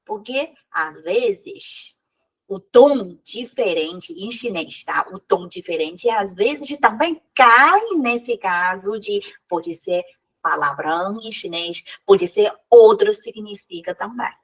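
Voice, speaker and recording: Slow-speaking encouraging teacher, Chinese native woman. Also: mid-range voice, lively intonation, a bit bright, breathy edge. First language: Mandarin Chinese. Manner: encouraging, frequent tag questions, non-native Portuguese. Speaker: Mandarin teacher giving a talk. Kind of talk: online lecture.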